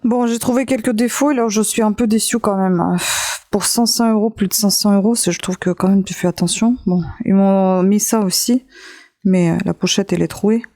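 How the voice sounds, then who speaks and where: Woman vlogger unboxing stuff, mellow tone, lots of euh and restarts, chatty. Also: medium pitch, fairly even intonation, normal speed. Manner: chatty, hesitant, many fillers and restarts; talks straight to viewers while handling an object. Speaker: beauty vlogger. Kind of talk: casual unboxing vlog.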